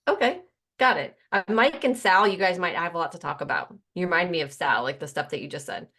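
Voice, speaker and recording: A woman hosting a casual group video call, chatty and quick to introduce and connect people. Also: lowish voice, lively intonation, bright, forceful tone. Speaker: host.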